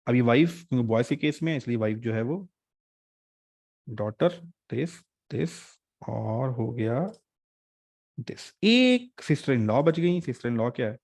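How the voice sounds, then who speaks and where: A male teacher runs an online exam-prep class in a chatty, joking way. His voice sits at an ordinary middle pitch and is recorded dry and close on a desk mic, with no room sound. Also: big pitch swings, takes it slowly, gravelly, darkish tone, no echo. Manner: chatty, joking teacher mixing English terms.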